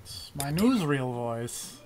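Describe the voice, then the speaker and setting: Guy doing a hammy old newsreel announcer voice, slow and showy, game music loud behind. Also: mid-range voice, very animated. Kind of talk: playing a video game while chatting. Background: video game music.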